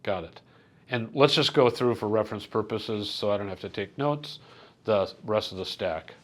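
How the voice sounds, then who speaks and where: At a hi-fi trade show exhibit, a male reviewer with a lowish voice at normal speed conducts a casual product interview. He methodically checks and repeats what he hears.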